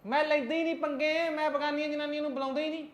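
A short-tempered, grumbling husband, played by a woman, with a fairly high voice. He talks quickly and keeps nagging and scolding. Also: flat delivery, natural voice.

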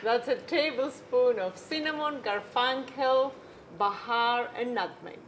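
A woman's voice: a little high, takes it slowly, fairly bright tone, a little hiss or hum. A woman from Greece co-hosting a cooking show, playful and teasing, laughing often. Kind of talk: casual cooking chat.

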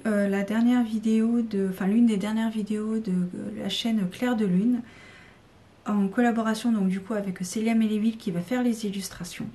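A woman's voice: medium pitch, dark tone. A woman with a French accent talking casually and unscripted to her viewers, rambling with many fillers and sometimes dropping to a near-whisper. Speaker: YouTuber showing card decks. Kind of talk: unscripted casual talk to camera.

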